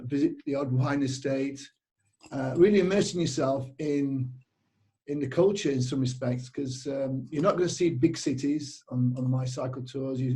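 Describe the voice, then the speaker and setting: Speaking in a dark, medium-pitched voice, a middle-aged cycling tour operator with a British accent rambles through a casual interview, full of fillers and false starts.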